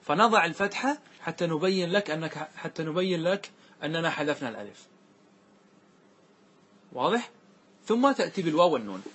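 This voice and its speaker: A man teaching a grammar class, who questions his students often and repeats key points. He recites verse lines slowly and draws them out. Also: fairly high pitch, expressive, fairly bright tone, husky. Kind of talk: classroom lesson.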